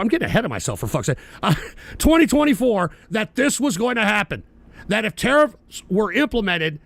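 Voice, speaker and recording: A male talk show host rants with swearing and biting sarcasm. His voice sits high and grinds with gravel, and it leaps up and down. The sound is dry and close, with no room around it. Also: fairly bright tone, no room sound. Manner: angry, profane, sarcastic ranting. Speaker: political commentary host. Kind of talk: profane ranting commentary.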